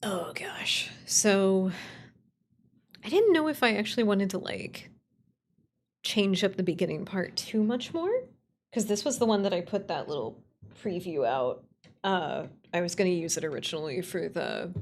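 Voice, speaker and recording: A woman who streams, writes, and does voice acting chats playfully with her livestream viewers, rambling and swearing casually. Her voice is mid-range with a creaky quality.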